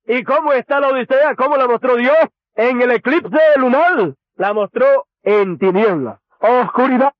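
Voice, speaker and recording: Male preacher, very high voice, slow sermon delivery full of rhetorical questions, thin phone-like old recording. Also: no echo.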